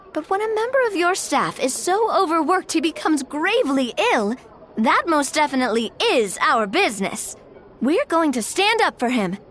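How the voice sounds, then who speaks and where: Game role: principled young heroine, high, lively intonation, courteous, composed, firm. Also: female voice. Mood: firm, confronting. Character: poised, principled, friendly young woman leader. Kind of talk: animated game voice acting.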